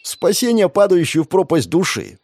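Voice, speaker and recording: A man reading an audiobook, voicing a blunt male warrior who shouts and curses. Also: high voice, very animated, moderate pace, no echo, pitched above the performer's own voice, full character voice. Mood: urgent. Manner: shouting and cursing.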